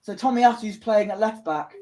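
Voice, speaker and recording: A man's voice: high-pitched, moderate pace, a little mellow. A man co-hosting a live football watchalong, reacting as a fan and urging players on. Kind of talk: live match commentary chat.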